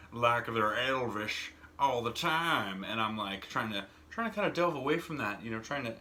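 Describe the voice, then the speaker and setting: Rambling American man with a bright, tight voice. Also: mid-range voice, a little hiss or hum. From United States. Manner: rambling, repeats words, says "and whatnot" often. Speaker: YouTuber and smoking vlogger. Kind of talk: casual rambling monologue. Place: home smoking room with door open and fan on.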